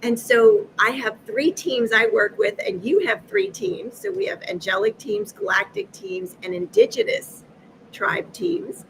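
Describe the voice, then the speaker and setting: A woman's voice: fairly high pitch, measured pace, vocal fry, rough recording. Fifty-something woman from massachusetts on a video call, acting out all the quotes, lots of laughing, bit of faint hiss. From Massachusetts, USA. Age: 50s. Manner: lively, acts out quoted dialogue, laughs often. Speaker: guest, energy healer. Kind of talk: animated storytelling in a live chat.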